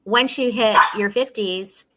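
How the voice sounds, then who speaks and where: Heavy background noise surrounds this woman's mid-range voice as she speaks at a measured pace. She's in her forties, a financial specialist doing a casual video-call interview from home with a dog barking nearby, and she explains things earnestly, warmly and chattily, laughing often.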